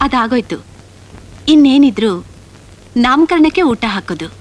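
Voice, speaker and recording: A woman's voice: high voice, animated, slow, exaggerated voice. An actress playing Jaya, a frank, worldly woman who lectures her friend bluntly in a 1990s film drama. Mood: candid. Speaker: film character.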